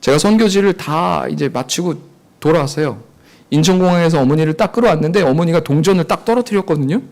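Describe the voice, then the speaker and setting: A man, a missionary preacher, telling a personal testimony in a sermon with dramatic storytelling, acting out voices and shouting at the peaks. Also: medium pitch, gravelly. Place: church service.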